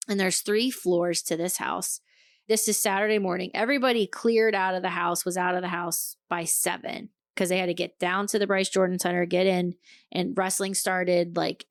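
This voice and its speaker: A woman co-hosting a podcast, telling a story in casual chat, animated and swearing freely as she acts out what people said. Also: fairly low pitch, no room sound, studio quality. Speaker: podcast co-host.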